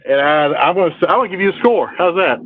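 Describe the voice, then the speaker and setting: A man's voice: high voice, animated, fast. A man calling in on speakerphone from a car, casually giving his sports prediction. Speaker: podcast panelist. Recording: tinny speakerphone line.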